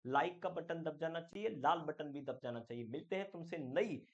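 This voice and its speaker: A man's voice: fairly high pitch, normal speed, dull audio. A man teaching an exam-prep English grammar lesson, chatty, asking questions and answering them himself. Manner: chatty, calls the viewer "my friend", asks and answers his own questions.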